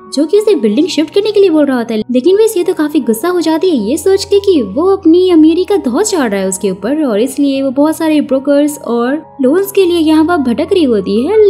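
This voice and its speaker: A woman's voice: sits high, mellow. A woman narrating a drama recap in a chatty, casual way, talking to viewers as friends.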